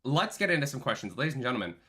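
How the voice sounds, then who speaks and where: A man in his thirties co-hosts a casual book-club livestream and reads viewer chats aloud. His bright voice swings widely in pitch, and his delivery is animated. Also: racing. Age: 30s. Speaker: co-host.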